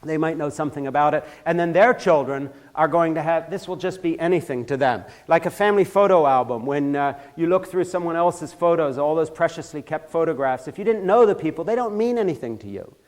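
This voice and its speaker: An older Swiss man with a fairly high voice gives an impassioned lecture during a church talk. He starts with measured remarks and builds to heated, forceful emphasis, often tripping over and restarting his phrases.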